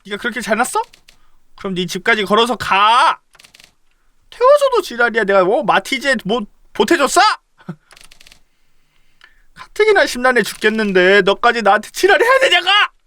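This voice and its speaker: A man voicing a young man who yells and curses at his friend. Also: high-pitched, fairly quick, dry recording, pitched above the performer's own voice. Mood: furious. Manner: yelling, cursing.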